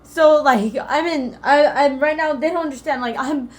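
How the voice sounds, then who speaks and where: A woman's voice: high voice, moderate pace, reverberant. A woman vlogger telling a personal story to the camera in a rambling, emotional way.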